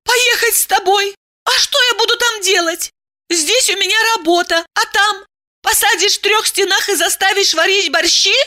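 A woman reading an audiobook voices a proud, hysterical woman who shouts in outrage. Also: normal speed. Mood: furious. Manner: shrill, indignant, shouting. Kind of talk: audiobook character voice.

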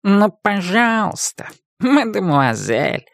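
A woman voicing a world-weary, ironic male cat in an audiobook, talking slowly and dryly. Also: a little high, sing-song, creaky, no room sound, clean studio sound, voice pushed up, exaggerated voice. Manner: slow, drawling and dryly ironic.

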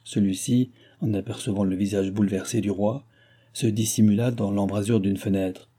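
A man narrating a classic novel as an audiobook, in a measured, literary storytelling manner. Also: on the low side, fairly even intonation, warm tone, breathy edge.

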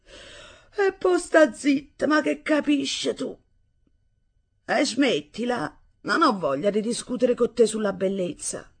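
Drawling, scornful father, put on by a woman, husky and lively. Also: mid-range voice, moderate pace, pitched above the performer's own voice. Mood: dismissive. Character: lazy mocking young father, sprawled in bed.

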